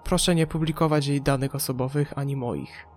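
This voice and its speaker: A man's voice: medium pitch, fairly even intonation, fairly quick, faint music behind, natural voice. A man voicing a cool, guarded woman who is protective of her mother, in an audiobook. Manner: cool and curt.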